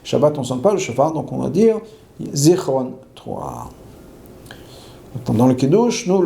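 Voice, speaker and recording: Male rabbi teaching a law class, gravelly and dark-toned, reads Hebrew then explains, repeats key phrases. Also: on the high side. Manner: asks questions and answers them himself.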